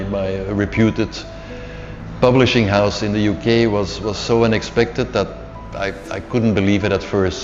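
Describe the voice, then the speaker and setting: A middle-aged Dutch man, a native speaker, is an interview guest with a low, slightly mellow voice. He speaks casually and without hurry, restarting words and repeating them as he searches for what to say. The sound is dull and lo-fi, with long reverb and faint music underneath.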